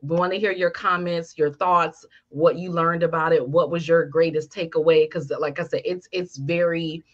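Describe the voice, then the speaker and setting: A woman's voice: low voice, fairly even intonation, normal speed, muffled recording. A woman co-hosting a reaction podcast, chatty and emphatic in casual conversation. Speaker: podcast co-host.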